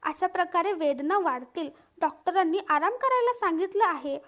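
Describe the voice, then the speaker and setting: A woman voicing a gentle, patient mother-in-law who soothes her daughter-in-law in a spoken story. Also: very high-pitched, animated, moderate pace. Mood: caring. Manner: soothing, caring.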